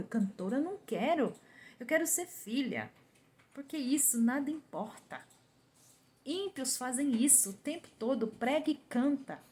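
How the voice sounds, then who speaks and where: Woman preaching in a casual chatty way, kinda high voice, acts out voices, keeps saying né. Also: a little mellow. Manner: emphatic, conversational, often asks "né?". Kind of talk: informal sermon.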